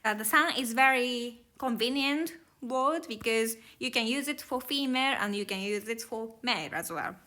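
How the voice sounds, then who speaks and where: A woman teaching a language lesson, explaining grammar slowly and carefully. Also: on the high side, pushed and bright.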